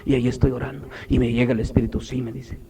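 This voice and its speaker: A man's voice: mid-range voice, flat delivery, fast, creaky, warm tone. A man preaching a fervent sermon who keeps putting rhetorical questions to the congregation.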